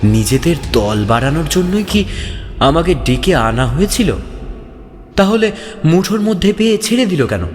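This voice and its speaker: Reading a scripted ghost story as narrator, a man delivers it theatrically with drama and suspense, pausing often. His voice sits on the high side with big pitch swings at normal speed, over background music and long reverb.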